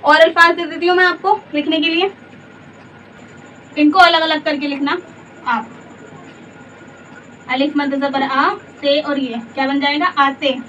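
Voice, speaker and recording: An Urdu teacher gives a slow, step-by-step lesson on letters, patiently repeating them and posing simple rhetorical check questions. Her high voice barely moves in pitch, is unhurried with long pauses, and sounds bright and forceful. The recording is dull and lo-fi from a distant mic, with faint room noise.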